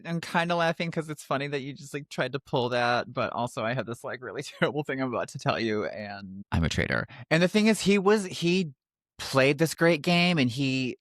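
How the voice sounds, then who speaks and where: A man's voice: mid-range voice, expressive, fairly quick, fairly bright tone, no echo, studio quality. A man co-hosting a casual TV recap podcast, speaking in a blunt, conversational way with casual swearing. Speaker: podcast co-host. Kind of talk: casual reality TV recap chat.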